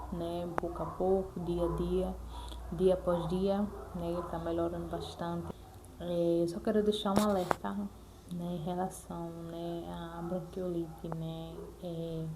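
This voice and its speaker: Here a Brazilian woman talks to viewers as a mother, casual and sincere, circling back over what she said and checking in often. The voice is lowish, and the background is noisy.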